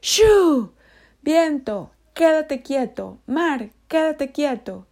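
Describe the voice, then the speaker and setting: A woman voicing a calm, commanding adult man in a children's Bible story, speaking slowly and firmly. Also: high-pitched.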